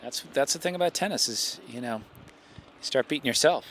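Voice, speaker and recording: A man at mid pitch calls a school tennis match from the courtside in a casual, chatty way, heaping praise on good shots. He is a coach doing play-by-play, and faint outdoor noise hums under his voice. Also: expressive, a little fast, a bit bright. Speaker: coach and commentator.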